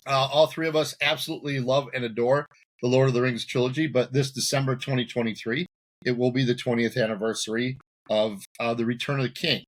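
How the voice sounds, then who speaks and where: A man's voice: mid-range voice, fairly even intonation, brisk. A man hosting a podcast episode in casual chat, giggly and self-deprecating. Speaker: podcast host.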